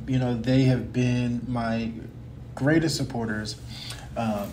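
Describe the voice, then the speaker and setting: A young American man with a slight cold hosts his own podcast, talking in a casual, earnest, personal way and rambling and correcting himself. His voice is mid-range and a bit mellow, with a little hiss or hum in the recording.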